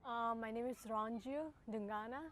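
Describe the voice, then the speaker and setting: A woman's voice: on the high side, fairly even intonation, normal speed, over loud music. A woman from Nepal describing her home hesitantly, with fillers, in a documentary interview.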